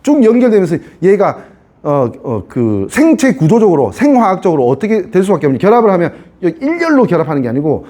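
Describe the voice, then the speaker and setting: Male science teacher, high and very animated delivery, keeps asking the class if they follow. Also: fast. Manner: chatty, keeps asking students to confirm; repeats and re-explains key points. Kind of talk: classroom lecture.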